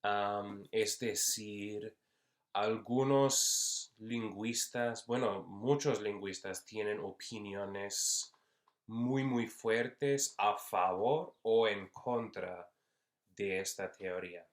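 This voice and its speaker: A man giving an unscripted university lecture, slow and hesitant with many fillers. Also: lowish voice. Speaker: university Spanish instructor.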